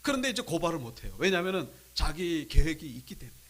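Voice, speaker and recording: A male pastor tells a story from the pulpit in a high, lively voice that leaps up and down in pitch. His tone is bright and forceful, and he drops to near whispers before rising again to loud, dramatic peaks. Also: fast talker. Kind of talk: sermon storytelling. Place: church sanctuary.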